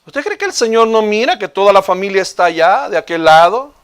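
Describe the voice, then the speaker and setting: A man's voice: sits high, animated, fairly quick, a bit bright, clean tone. A male pastor preaching a sermon with passion, speaking straight to his congregation. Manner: impassioned preaching, addressing listeners as hermano.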